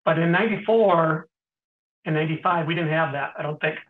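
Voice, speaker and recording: Man, middle-aged, high-pitched, anecdotal interview guest, throat clearing, thin phone-line audio. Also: brisk, slight background noise. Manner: anecdotal, frequent throat clearing and hesitant fillers. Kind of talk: casual storytelling interview. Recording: tinny phone-like sound.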